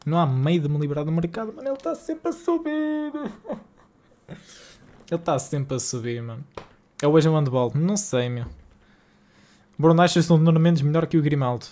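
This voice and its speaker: A young man with a northern Porto accent streams a game from home, chatting casually with viewers in slangy, exasperated banter. He speaks in a sing-song, somewhat mellow, high-leaning voice at a normal pace, with long pauses.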